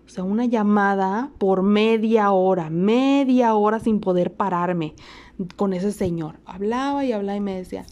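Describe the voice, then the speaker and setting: A young woman with a Mexican Spanish accent, chatting to her viewers. Her voice is mellow and low-key, and she rambles along with fillers and quick asides. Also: dull audio. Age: young adult. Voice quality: low flat everyday voice. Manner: chatty, animated, with many fillers and laughs. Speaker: storyteller. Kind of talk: casual anecdote to viewers.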